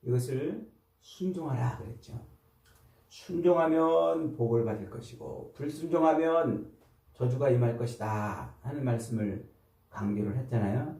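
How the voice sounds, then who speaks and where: A male pastor preaches a sermon, leading his listeners through the text in a patient teaching tone full of rhetorical questions. His voice is mellow and dark at a middle pitch. The sound is roomy and picked up from a distance in a church. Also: moderate pace, gravelly. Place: church sanctuary. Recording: roomy sound from away from the mic.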